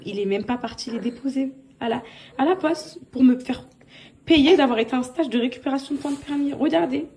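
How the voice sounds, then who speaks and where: A woman's voice: fairly high pitch, dark tone, a little hiss or hum. A tired young woman in casual vlog chat, venting and exasperated, often repeating herself. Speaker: vlogger. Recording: household clatter behind.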